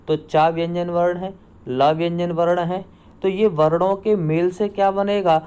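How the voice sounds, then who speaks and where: A man's voice: fairly high pitch, darkish tone, clear, resonant tone. A man teaching a Hindi grammar lesson for exam preparation, asking each question and then answering and repeating it himself. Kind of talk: online exam-prep lesson.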